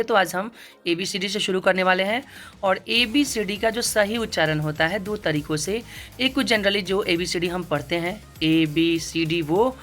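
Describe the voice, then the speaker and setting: A woman's voice: mid-range voice, fairly bright tone. A woman teaching English phonics, explaining patiently and repeating each sound several times. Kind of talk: spoken phonics lesson.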